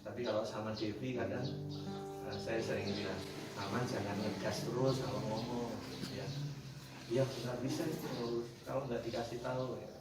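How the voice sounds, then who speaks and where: A man's voice: mid-range voice, fairly even intonation, moderate pace. Man, preacher, casual joking sermon, instrument music behind. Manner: conversational, jokes with the congregation. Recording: echoey room, mic from a distance.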